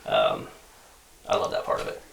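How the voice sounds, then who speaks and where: A man telling stories casually in a rambling, animated way, often restarting his sentences. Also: normal speed, reverberant, recorded from a distance, slight background noise, low-quality recording. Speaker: guest hunter. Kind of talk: casual storytelling.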